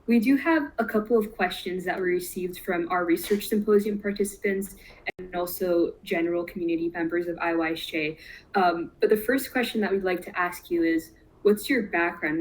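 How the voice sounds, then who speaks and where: A woman's voice: on the low side, slight background noise, rough recording. A woman hosting an online Q&A, upbeat and enthusiastic as she introduces and responds to her guest. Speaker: interview host.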